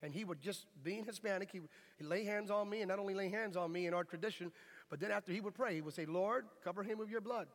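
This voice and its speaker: High-voiced preacher telling stories in a hall. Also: male voice, fast. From United States. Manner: lively humorous storytelling. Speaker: pastor. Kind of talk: sermon. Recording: reverberant hall.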